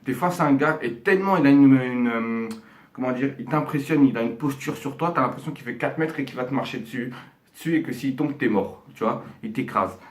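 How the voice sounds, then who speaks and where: A man giving his casual, rambling take on a boxing match, full of slang and fillers, getting animated as he describes the action. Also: medium pitch, a little fast. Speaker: boxing commentator reacting to a fight. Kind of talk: casual talk to camera.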